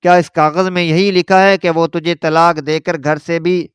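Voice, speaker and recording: A man voicing an elderly mother-in-law who is sharp-tongued, scolding and lamenting. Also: a little high, level tone, smooth, no echo, clean studio sound, lightly acted. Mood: bewildered.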